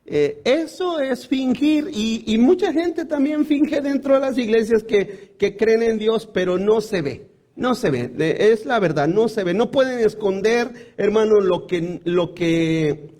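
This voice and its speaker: High-voiced man preaching a sermon. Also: lively intonation, slow, a little mellow. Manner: addresses listeners as brothers, many asides and restarts.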